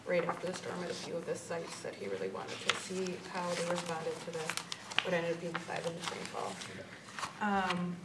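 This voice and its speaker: A woman on the watershed staff giving an informal update at a board meeting. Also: lowish voice. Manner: informal, many fillers. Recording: roomy, far from the mic, noisy.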